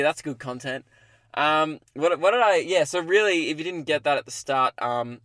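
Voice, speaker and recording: A young Australian man hosts a solo podcast from inside a parked car. His voice sits at a middling pitch with little echo, and he talks in a loose, self-deprecating, joking ramble. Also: a bit bright. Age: young adult. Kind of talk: casual rambling comedic podcast monologue.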